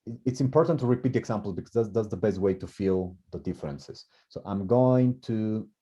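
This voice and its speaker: A man's voice: lowish voice, animated, fairly quick, dark tone. A man teaching grammar, thinking aloud with many repeated words and restarts. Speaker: language teacher. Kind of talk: explaining grammar in class. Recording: muffled lo-fi recording.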